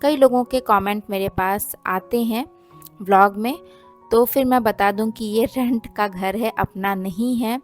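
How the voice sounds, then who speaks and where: Homemaker vlogger, woman in her thirties, chatty and homely, mid-pitched voice, soft music bed. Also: a little slow. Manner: chatty, homely, explains at length with many fillers. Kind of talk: casual vlog narration.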